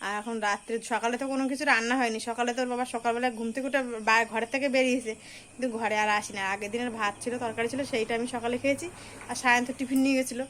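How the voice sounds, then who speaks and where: A young woman narrating a casual family vlog in a chatty way, talking softly to her young son at times. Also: on the high side, fairly even intonation, racing, a little hiss or hum. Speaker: family vlogger.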